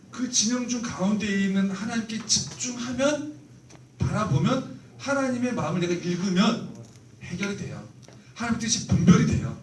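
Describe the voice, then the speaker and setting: A man's voice: high-pitched, a little hiss or hum. A man lecturing church youth leaders in a church meeting room, earnest and explanatory, acting out examples as he goes. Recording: roomy hall, mic far off.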